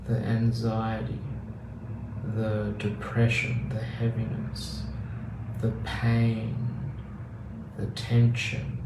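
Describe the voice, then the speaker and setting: A man giving a casual spiritual teaching talk on meditation, acting out the mind's inner voice in quick asides. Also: fairly low pitch, monotone. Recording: roomy, distant mic with faint noise.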